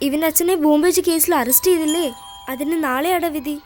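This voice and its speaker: A woman's voice: high-pitched, quick pace, a little mellow, slight background noise, close to an everyday voice. A woman dubbing a chatty, sassy six-year-old girl in a film, with a bossy, whiny manner. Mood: upset.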